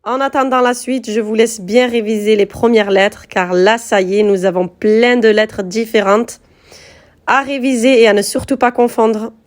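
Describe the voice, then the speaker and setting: A woman's voice: on the high side, fairly even intonation, normal speed. A woman teaching letter pronunciation in a patient, step-by-step lesson, repeating sounds so learners can compare them. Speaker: Quran reading teacher.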